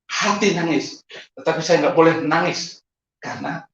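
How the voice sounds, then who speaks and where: Male pastor, testimony sermon; animated, laughing storyteller with sudden high outbursts; distant, muffled, very echoey recording. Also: moderate pace. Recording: echoey, distant, lo-fi hall sound.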